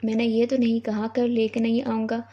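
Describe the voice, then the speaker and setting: A woman's voice: fairly high pitch, level tone, lightly acted. A woman reading the lines of an affectionate young man who dotes on his little sister, on a dull lo-fi recording. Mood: gentle. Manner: gentle, affectionate. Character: affectionate young man, doting older brother.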